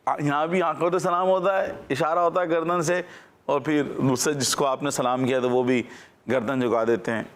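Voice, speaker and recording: A man's voice: fairly high pitch, fairly even intonation. A man presenting on a children's TV show, teaching patiently and quizzing his young listeners in a question-and-answer style.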